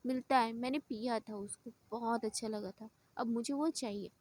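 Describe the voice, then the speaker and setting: Bratty, whiny young woman, high and pleading, as a female narrator puts her on. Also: steady tone, normal speed, a little mellow, dry recording, natural voice. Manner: whining, pleading, fake crying.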